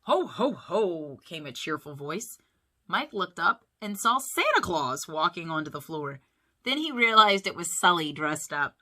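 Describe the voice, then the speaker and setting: A woman pastor chats playfully and reads a story aloud for children. Her voice is bright and clear, swinging lively up and down as she shows the pictures. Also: on the low side, measured pace. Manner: chatty, animated, playful.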